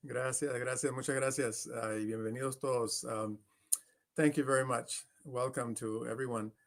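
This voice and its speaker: A man from Panama speaks. His voice is gravelly, and his pitch stays level and relaxed. He introduces himself on a video call. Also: moderate pace. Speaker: panel co-moderator. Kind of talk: casual introduction.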